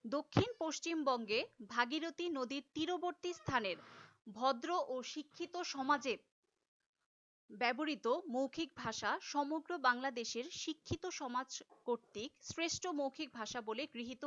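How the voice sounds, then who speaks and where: A woman's voice: sits high, fairly bright tone, lo-fi sound. A woman teacher giving a recorded class lecture, explaining step by step and repeating key terms.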